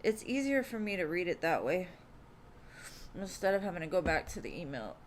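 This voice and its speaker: A woman's voice: on the low side, very animated, brisk, slight background noise. A woman giving live tarot readings in a casual, chatty way, with many fillers, calling viewers "love". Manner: chatty, says "like" and "um" often, calls viewers "love". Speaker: tarot reader streamer.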